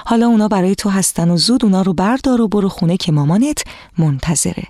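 A storyteller voicing a kind, patient old woman who used to be a teacher, speaking gently with a slightly whispery softness in a children's storybook reading. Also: mid-range voice, expressive, no room sound, studio quality, close to an everyday voice. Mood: gentle.

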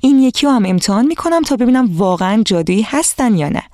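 An eager, cheerful little schoolgirl, as a storyteller plays her in a children's storybook. Her lines are pitched up from the reader's own voice and sound bright and excited. The recording is dry and close, with no room sound. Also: no room sound, lightly acted.

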